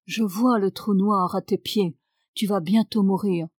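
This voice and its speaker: Brief: distressed peasant man confiding his story, woman reader, mid pitch. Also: steady tone, unhurried, darkish tone, husky, no echo, clean studio sound. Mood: pleading. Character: peasant man held as a madman, pleading.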